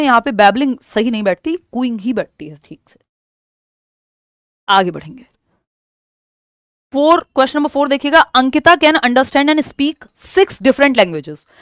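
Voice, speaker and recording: A woman's voice: sits high, dry recording, clean studio sound. A woman teacher, explaining exam questions step by step and mixing English terms into her speech. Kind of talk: exam-prep lesson.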